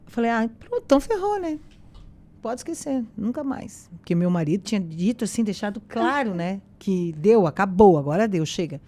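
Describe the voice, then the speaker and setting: A woman shares a personal faith testimony as a podcast guest. Her voice sits at a middling pitch with a soft, mellow tone. She tells the story casually and with animation, acting out the lines of the people she quotes. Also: normal speed. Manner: animated storyteller who acts out quoted dialogue.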